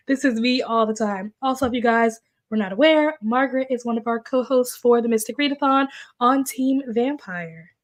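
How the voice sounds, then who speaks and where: At home on a desk microphone, a young woman runs a laid-back livestream at normal speed, her pitch fairly high. Still recovering from being sick, she sounds stuffy and coughs a little, chatting away with plenty of fillers and responding to the comments she reads out.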